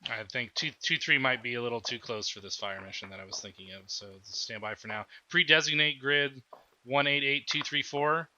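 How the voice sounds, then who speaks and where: A man's voice: mid-range voice, normal speed, sharp tone. Dull, noisy male game commander. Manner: procedural, clipped military phrasing. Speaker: task force commander in a military simulation game. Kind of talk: military radio orders during gameplay. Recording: dull lo-fi game mic, clear noise.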